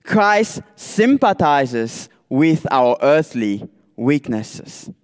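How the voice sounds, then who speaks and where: A man preaching a sermon as a ministerial candidate, speaking deliberately and posing rhetorical questions to the congregation. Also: mid-range voice, very animated, clear, resonant tone, big-room sound.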